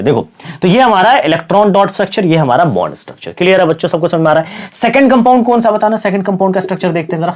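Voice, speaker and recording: A male science teacher with a fairly high, sore and slightly hoarse voice gives a classroom-style chemistry lesson. He poses questions to his students and answers them himself, repeating the key words again and again. He calls his listeners "kids" and "brother."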